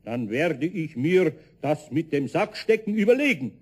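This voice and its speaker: An actor playing a stern, solemn Saint Nicholas in a radio play, speaking deliberately and admonishing in a husky voice. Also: male voice, fairly high pitch, big pitch swings, heavily acted. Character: stern, solemn Saint Nicholas, unhurried male judge of naughtiness. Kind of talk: German radio play acting.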